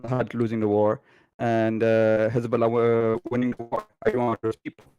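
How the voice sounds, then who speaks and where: A man calling in to a live stream and asking halting, filler-laden questions over a choppy internet connection whose volume keeps jumping and dropping. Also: mid-range voice, completely flat delivery, a little mellow, dull audio, soft background music. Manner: hesitant, halting, many fillers. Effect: choppy online call audio with uneven volume. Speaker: caller. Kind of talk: call-in debate.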